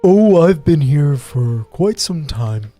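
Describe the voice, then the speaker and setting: A man voicing a gentle, polite minotaur knitter who keeps a tailor's stall in a tabletop game, speaking in an unhurried, earnest way, with music underneath. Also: on the high side, big pitch swings, dry recording.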